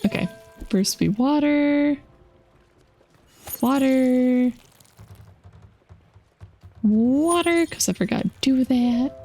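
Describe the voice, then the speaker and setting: A woman's voice: sits high, drawn-out words, gravelly, long pauses, dark tone, faint music behind. A woman streamer chatting casually to her viewers while playing a game. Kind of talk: casual gaming chat.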